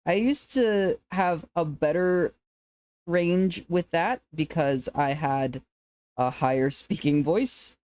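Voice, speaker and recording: A streamer with an androgynous to femme-sounding voice, chatting casually with viewers in a rambling, relaxed way. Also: medium pitch, takes it slowly, no echo, studio quality. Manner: relaxed, rambling, laughs often, restarts sentences.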